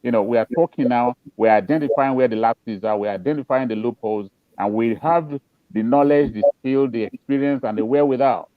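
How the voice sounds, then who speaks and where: A man of medium pitch argues his view earnestly in a panel discussion, repeating points for emphasis. The sound is narrow and phone-like, with little room echo. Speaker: panelist, film industry practitioner. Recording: thin phone-like line, dry.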